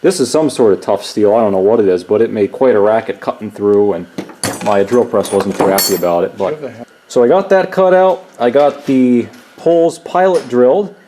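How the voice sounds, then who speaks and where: Joking man with a mellow voice. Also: mid-range voice, normal speed, a little hiss or hum. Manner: joking, wisecracking. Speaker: channel host. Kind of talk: casual shop chat and commentary. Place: home workshop.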